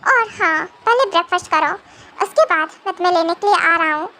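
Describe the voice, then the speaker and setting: A woman's voice: very high-pitched, brisk, bright, forceful tone. A young woman voicing a stern, possessive young mafia husband who scolds and coaxes his wife, in an amateur fan audio drama. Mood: coaxing.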